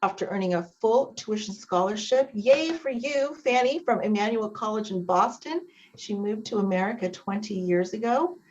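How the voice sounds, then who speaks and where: A woman hosting a meeting, reading a guest introduction with many um pauses over a video call. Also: mid-range voice, expressive. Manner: warm filler-laden reading, with um pauses. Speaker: meeting host introducing a speaker. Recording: dull lo-fi video call audio.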